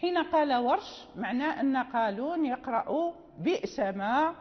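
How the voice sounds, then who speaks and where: A woman teacher explaining Quran recitation rules, repeating words slowly and chanting the quoted verses. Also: high voice, expressive, big-room sound, lo-fi sound.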